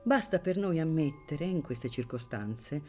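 A woman's voice: sits low, soft background music. Woman reading a classic novel aloud. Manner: measured and expressive. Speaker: reader of a novel. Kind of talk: literary audiobook reading on radio.

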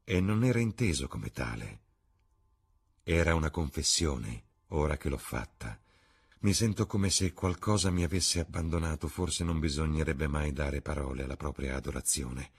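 Sad devoted painter read by a man, low and husky, quiet and subdued. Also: expressive, moderate pace, full character voice. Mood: sad, earnest.

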